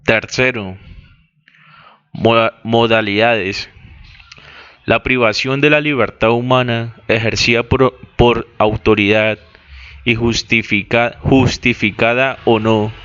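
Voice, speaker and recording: Slow, deliberate man dictating. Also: medium pitch, steady tone, fairly bright tone, smooth. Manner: deliberate, spells out words and corrects himself. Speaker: reader dictating text. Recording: dull lo-fi recording.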